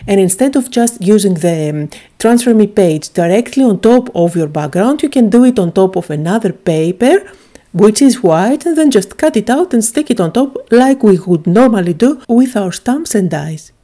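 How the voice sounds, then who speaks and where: A Greek woman narrates a craft tutorial in a chatty, enthusiastic way, often dropping in small "uh" fillers. Her mid-range voice is warm and expressive, at a normal speed.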